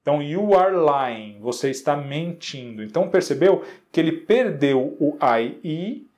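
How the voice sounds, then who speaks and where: A man's voice: on the high side, animated, darkish tone. Patient Brazilian man teaching grammar. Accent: Brazilian Portuguese. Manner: explains patiently, asks frequent "né?" and "ok?" checks; slows down to pronounce English examples. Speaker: English teacher. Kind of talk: online English grammar lesson.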